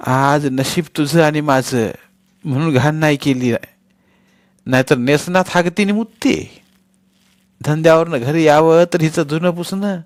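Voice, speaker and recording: A man's voice: on the high side, no room sound, clean studio sound, pitched above the performer's own voice, lightly acted. A man voicing a blunt, short-tempered working woman who scolds and grumbles. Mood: scolding.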